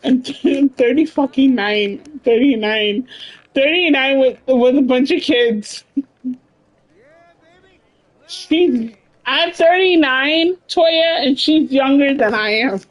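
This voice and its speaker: A woman's voice: high-pitched, slow, pauses often, rough recording. Laughing, swearing woman streamer in her thirties. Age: 30s. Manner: blunt, swears a lot, laughs often. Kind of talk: casual chat with live chat.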